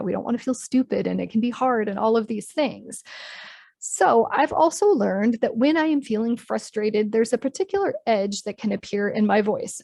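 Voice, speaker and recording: A woman's voice: fairly high pitch, creaky, dark tone, no echo. A woman presenting an online training workshop, explaining ideas in a candid, personal way. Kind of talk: live online training talk.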